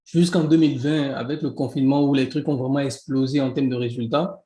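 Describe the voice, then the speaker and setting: A man's voice: medium pitch, fairly even intonation, brisk, dark tone, reverberant. A man in his thirties from Benin with a Beninese French accent, a guest in a casual interview who talks with many restarts and laughs easily. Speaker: guest, e-commerce coach.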